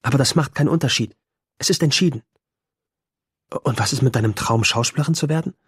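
A man reading an audiobook, voicing a determined teenage girl who speaks calmly and firmly in a raised voice. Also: fast talker, husky, no echo, studio quality. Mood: calm resigned. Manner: calm, firm, raised pitch. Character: determined teenage girl, resigned yet teasing. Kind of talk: audiobook character voice.

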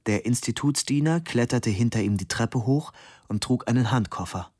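A man narrating an audiobook in a steady, measured storytelling manner. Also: medium pitch, no echo, studio quality.

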